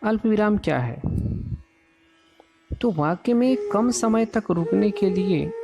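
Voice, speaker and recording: A man teaching a grammar lesson to schoolchildren, explaining each definition slowly and patiently. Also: sits high, lively intonation, vocal fry. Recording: loud flute music behind voice.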